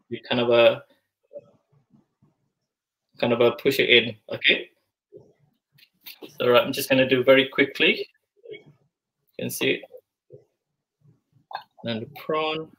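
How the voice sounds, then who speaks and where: Unhurried and given to long pauses, this mid-range voice stays fairly even in intonation yet sounds bright and forceful, on a rough recording. A man in his forties, he runs a casual live cooking demo at home, chatting and thinking aloud with lots of fillers. A video call camera moving around the kitchen serves as the mic.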